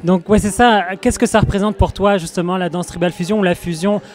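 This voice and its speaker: A man hosting an interview at a festival. He asks friendly, loosely worded questions and tends to trip over his words. His voice is notably high for a man. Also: steady tone, fairly quick, darkish tone. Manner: friendly, slightly stumbling questions. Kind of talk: casual interview.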